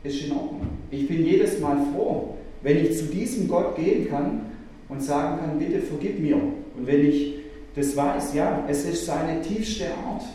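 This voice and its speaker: A man preaching a sermon, earnest and animated, telling a story with emphatic rises. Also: a little high, unhurried, a little hiss or hum. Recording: echoey hall, voice from a distance.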